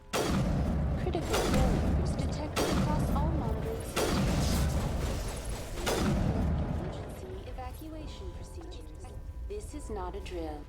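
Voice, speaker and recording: Calm station computer on an emergency loudspeaker. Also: female voice, on the high side. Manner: even, measured, formal announcing. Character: calm female station computer issuing alarms. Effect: emergency loudspeaker announcement. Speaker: game character.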